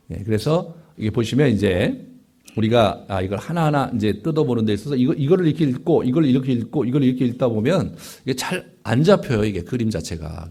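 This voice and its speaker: A man preaching a Bible lecture as a pastor, animated and full of rhetorical asides. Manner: animated, rising and falling sharply in pitch and loudness, rhetorical "예?" asides.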